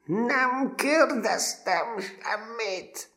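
A man's voice: mid-range voice, big pitch swings, reverberant, pitched above the performer's own voice. Man doing a roaring stern drill sergeant. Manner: barked commands, loud. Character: harsh stern male drill sergeant barking orders.

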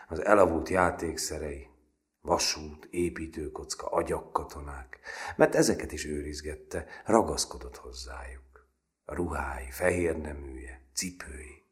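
Very deep-voiced man reading a novel. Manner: measured reading that drops to a hushed, breathy trail at phrase ends. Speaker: narrator. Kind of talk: audiobook literary narration.

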